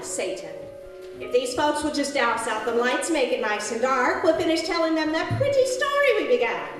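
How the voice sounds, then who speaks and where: An ancient, gleeful witch telling horror tales, high-pitched and swooping. Her talk is folksy and cackling, in the manner of old radio. It rings in an echoey hall, away from the mic. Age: 102. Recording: echoey hall from distant stage microphone.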